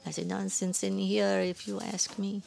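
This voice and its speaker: A woman voicing a sly, crusty elderly French market vendor with a creaky, heavy French accent. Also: medium pitch, little pitch movement, moderate pace, a little mellow.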